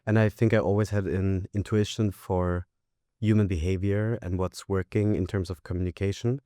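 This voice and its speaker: Man, very deep and mellow. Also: steady tone, normal speed, no room sound, clean studio sound. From Austria. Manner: thoughtful, hesitant with fillers. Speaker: graduate guest. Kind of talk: interview answers.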